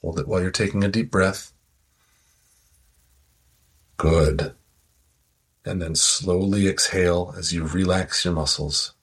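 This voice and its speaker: A man slowly guiding a listener through a progressive muscle relaxation exercise with soothing, calm instructions. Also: deep voice, slightly rough. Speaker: relaxation guide.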